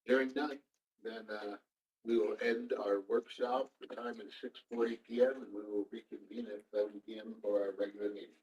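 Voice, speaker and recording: A man chairing a town board meeting, running through the agenda in a brisk, procedural way. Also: lowish voice, steady tone, a little mellow, lo-fi sound. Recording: roomy hall, mic far off.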